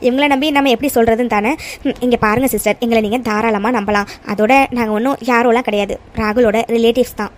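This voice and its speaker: A woman voicing a bold, protective young woman in a cartoon, talking briskly and insistently. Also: fairly high pitch, steady tone, close to an everyday voice. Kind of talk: cartoon voice acting.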